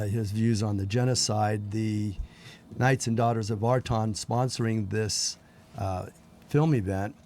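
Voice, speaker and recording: A middle-aged man as a guest on a TV interview, speaking haltingly with many pauses and fillers. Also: fairly low pitch, darkish tone, slight background noise. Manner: halting, many ums and uhs. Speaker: guest from a community organization.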